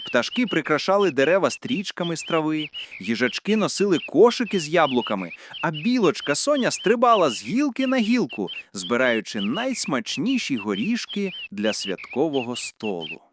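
A man narrating a children's fairy tale with lively storytelling. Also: on the high side, moderate pace, few pauses, background noise. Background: music.

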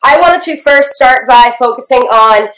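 A young woman hosts an upbeat interview show over a video call from a room at home. Her voice sits high with a fairly bright tone, and she speaks at a normal speed. The video call microphone gives the sound a roomy quality.

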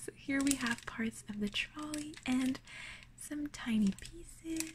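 Sitting at a table indoors, a woman hosts an ASMR unboxing close to the mic, whispering breathily and gently with obvious delight. Her high voice moves slowly, and the background is noisy.

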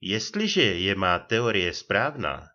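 A man's voice: low voice, very animated, bright, forceful tone, highs cut off, exaggerated voice. A man playing a growling old retired detective. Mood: scheming. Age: older. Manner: growling, blunt, colloquial.

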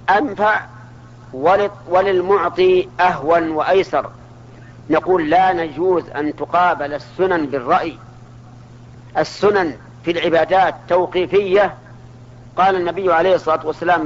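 High-voiced scholar, lo-fi lesson recording. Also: male voice, a little hiss or hum. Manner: asks the audience questions and answers them himself. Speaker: Islamic scholar teaching. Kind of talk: religious lesson to an audience. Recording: dull lo-fi archival recording.

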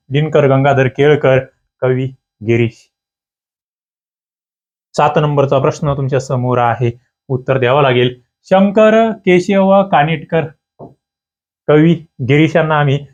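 Man, exam-prep teacher, higher-pitched voice, emphatic rhetorical questions, muffled lo-fi recording. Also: a little mellow. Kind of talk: online exam-prep lesson. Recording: dull lo-fi sound.

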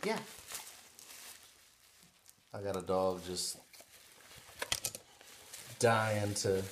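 A man in his thirties chatting casually on his living room couch, showing off pipe bowls with excited, rambling talk full of restarts. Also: fairly low pitch, very slow, background noise. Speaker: pipe hobby vlogger. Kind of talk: casual unboxing vlog.

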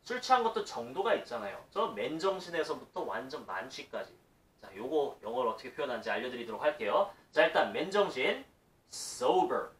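A man's voice: medium pitch, sing-song, brisk, reverberant, recorded from a distance. A man with a Korean accent giving a casual video lesson, switching between Korean talk and English example phrases. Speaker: English teacher.

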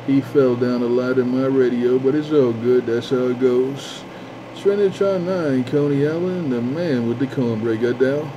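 A man's voice: medium pitch, normal speed. A man chatting over a CB radio, repeating his call-outs and drawling his sign-offs. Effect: CB radio transmission. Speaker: CB radio operator. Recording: dull lo-fi radio with static hiss.

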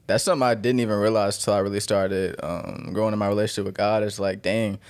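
Casting: deep-voiced man, slangy and encouraging co-host, casual faith chat. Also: steady tone, quick pace. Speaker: podcast co-host.

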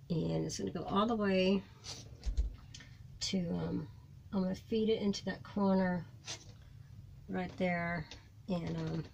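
A woman in her forties talking through her boat projects in a casual vlog, unhurried and full of ums, filmed on a phone held close in a cramped sailboat cabin. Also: lowish voice, a little hiss or hum, rough recording. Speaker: boat-living vlogger. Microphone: phone camera held close.

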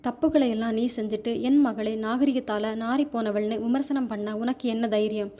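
A woman's voice: on the high side, fairly even intonation, normal speed, lo-fi sound, natural voice. A woman voicing an angry, protective middle-aged father in a storybook reading, fierce and confrontational. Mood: furious.

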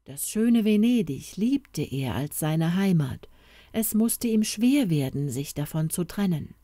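Warm, unhurried woman reading a story. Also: fairly low pitch, dry recording, clean studio sound. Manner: soft, expressive, unhurried storytelling. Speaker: audiobook narrator. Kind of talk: scripted storybook narration.

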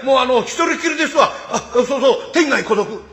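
A man with a Kansai accent voicing a dim-witted, cheerful young townsman in a rakugo story, stammering and excitable. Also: very high-pitched, fast, big-room sound, slight background noise, exaggerated voice. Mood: excited.

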